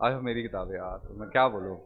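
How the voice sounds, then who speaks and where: A man teaching law to a live class, joking with students and slowly drawing out the wording of legal text. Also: on the low side, phone-quality sound, a little hiss or hum. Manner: playful, joking with students, drawls words slowly when reading. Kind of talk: classroom lecture, Hindi mixed with English. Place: recorded classroom studio.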